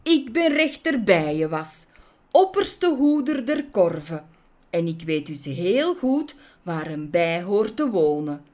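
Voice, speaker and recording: A woman voicing a stern, pompous old male bee judge who scolds loudly and indignantly. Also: on the low side, sing-song, takes it slowly.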